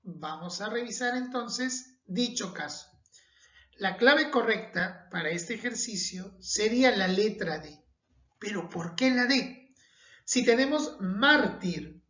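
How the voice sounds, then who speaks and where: A woman teaching a recorded spelling lesson, speaking slowly and carefully and stressing each example word. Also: mid-range voice. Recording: dull echoey room.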